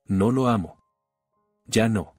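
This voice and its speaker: A man voicing a calm, resolute wronged wife. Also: lowish voice, slow pace, slightly rough, no echo, studio quality, soft background music. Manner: cool, resolute, sparing words.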